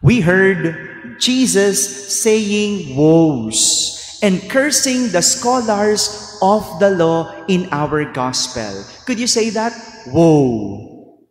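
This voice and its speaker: Slow priest with cathedral echo. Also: male voice, high-pitched, very animated, soft background music. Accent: Filipino. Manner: slow and deliberate, quizzing the congregation. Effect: cathedral echo with long reverb. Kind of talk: homily during Mass. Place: large church. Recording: echoey church hall sound.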